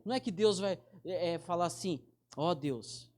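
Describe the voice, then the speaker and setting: A man's voice: sits high, darkish tone. A man preaching a casual, direct sermon, often restarting his sentences. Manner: informal, direct, addresses listeners as brother; halting restarts. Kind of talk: conversational sermon.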